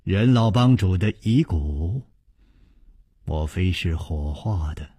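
A proud young swordsman, courteous yet persistent, as a male storyteller plays him. He speaks low and husky, with a lively rise and fall in his lines. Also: takes it slowly, dry recording, studio quality, exaggerated voice. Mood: probing, courteous. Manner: courteous but persistent, soft-spoken. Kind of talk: wuxia novel storytelling.

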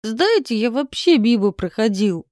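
A woman's voice: fairly low pitch, animated, normal speed, mellow, dry recording, studio quality, close to an everyday voice. A woman voicing a blunt, grumbling young office worker in an audiobook. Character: brash young male office worker, nasal. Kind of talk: audiobook reading.

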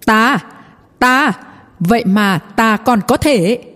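A woman narrator acts out an old puppet in a fantasy audiobook, full of pride and easily worked up. The figure declaims grandly about its own mastery. The voice is slightly husky and rings with long reverb. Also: mid-range voice, unhurried. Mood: excited. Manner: excitable, proud, declamatory. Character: boastful, indignant old puppet, self-proclaimed master artificer.

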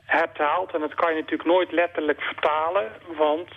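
A man's voice: fairly high pitch, level tone, moderate pace. A man, a bookseller talking hesitantly with many fillers and restarts in a radio interview over the phone. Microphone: telephone. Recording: tinny phone line.

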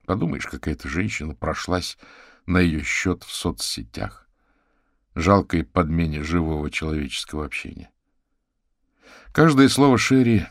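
A man narrating an audiobook in a measured, dramatic storytelling manner. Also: deep voice, dry recording, clean studio sound. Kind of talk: scripted narration.

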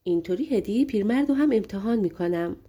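A woman's voice: medium pitch, lively intonation, warm tone, husky, dull audio. A woman reading a plucky young hunter. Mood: determined. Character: young man, a brave hunter's apprentice.

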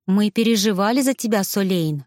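Lady doing a scared little ghost woman, slow soft worried voice. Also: mid-range voice, animated, no room sound, studio quality, close to an everyday voice. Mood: fretful. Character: timid female ghost, fearful and fretting.

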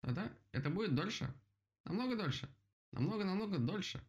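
A man's voice: sits high, lively intonation, a little fast, pitched above the performer's own voice. A man voicing a cheerful, tireless male woodpecker in a children's story, chirpy and repeating himself. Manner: chirpy and shouting, repeats words. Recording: dull lo-fi recording.

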